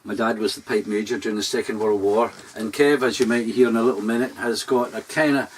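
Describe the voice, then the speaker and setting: A man's voice: fairly low pitch, fairly even intonation, slight background noise. Scottish man chatting on stage, far from mic. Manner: rambling, halting, with many fillers and restarts. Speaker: singer-songwriter performing a live-streamed show. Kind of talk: casual on-stage chat between songs. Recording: distant mic in a live room. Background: acoustic guitar.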